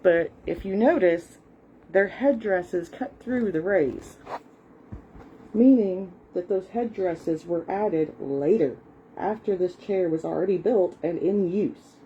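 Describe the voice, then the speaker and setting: Chatty Southern woman with a mellow voice. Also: on the low side, takes it slowly, lo-fi sound, slight background noise. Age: at least late 40s. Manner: chatty and enthusiastic, frequent fillers and apologies; shows a book page and walks viewers through it. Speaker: history hobbyist host. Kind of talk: casual rambling explanation. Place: home, cat nearby.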